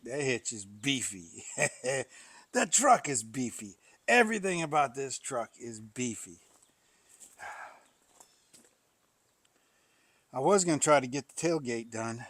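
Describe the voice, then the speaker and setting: In this casual shop vlog, the channel host, a man who is both pastor and welder, chats in a rambling, folksy way from his workshop. He sighs and coughs frequently, and his voice is medium-pitched with a fairly bright tone.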